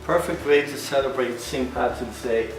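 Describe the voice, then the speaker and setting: A man's voice: medium pitch, normal speed. Man in playful mock Irish brogue. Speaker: co-host. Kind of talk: casual chat. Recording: echoey room with music.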